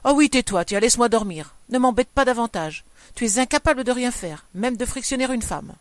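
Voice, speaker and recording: A woman reading a story aloud, voicing a scornful, nagging middle-aged wife in a shrill, scolding voice. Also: a little fast, dry recording, close to an everyday voice.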